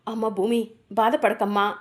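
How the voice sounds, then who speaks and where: A kindly older father-in-law from a TV serial , voiced by a woman narrator. He speaks gently and reassures. Voice a little high. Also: level tone, a little slow, close to an everyday voice. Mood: comforting.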